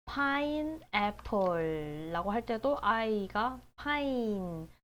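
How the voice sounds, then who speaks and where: A woman teaching basic English phonics, explaining calmly and drawing out each word slowly. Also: medium pitch. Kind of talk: slow, explanatory phonics lesson.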